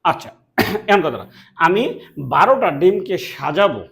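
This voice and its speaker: A Bangladeshi man teaches a math lesson in a classroom, posing questions and then answering them himself while repeating key words. His voice sits high and sounds a bit bright and animated, moving at a normal speed.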